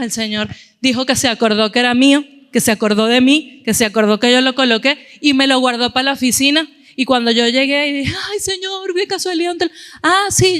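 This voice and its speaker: A middle-aged woman preaching a sermon in a church, telling stories in a lively way and acting out the voices of the people in them. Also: a little high, in a large hall. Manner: animated storytelling, acting out quoted voices.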